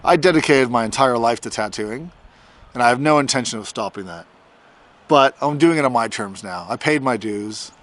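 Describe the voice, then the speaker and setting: Outdoors in the front yard of his farm, a fifty-year-old Australian man who vlogs as a tattoo artist delivers a casual update to the camera. He talks conversationally and informally at a moderate pace, with a medium-pitched, slightly bright voice.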